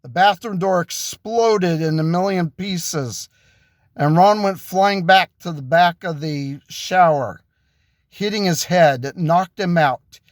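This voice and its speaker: A man telling an improvised story in a halting way, with restarts and self-corrections. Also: high-pitched, no room sound, studio quality. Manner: slow, halting delivery with restarts.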